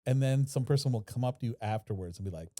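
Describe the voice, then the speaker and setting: A man talks casually on a comedy podcast with a wry, joking manner. His pitch is in the ordinary male middle. The recording is dry and close. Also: lively intonation, fast talker, mellow, no room sound. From Detroit area. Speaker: podcast co-host. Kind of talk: casual chat.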